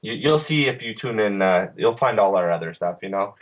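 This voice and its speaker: Low-voiced man hosting, phone-line sound. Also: lively intonation. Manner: halting, many uhs and restarts. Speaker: podcast host. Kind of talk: casual radio show chat. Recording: phone-line quality audio.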